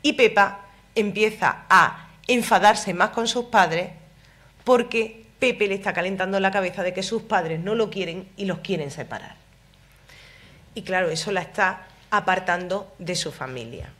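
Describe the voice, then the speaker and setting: A middle-aged woman giving a talk, telling a story and acting out its dialogue in lively colloquial voices. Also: medium pitch, unhurried. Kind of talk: storytelling lecture.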